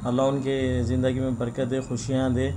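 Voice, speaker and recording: A man's voice: medium pitch, completely flat delivery, fairly quick, mellow, a little hiss or hum. A young man, a shop owner talking earnestly to press mics, often adding blessings. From India. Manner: earnest, frequent religious blessings. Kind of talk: press interview. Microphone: bunch of press mics on table.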